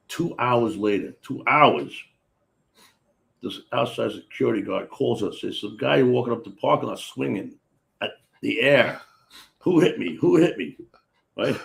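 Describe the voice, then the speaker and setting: Man in his sixties, gravelly voice, middle pitch, animated storyteller, acts out voices, casual chat host.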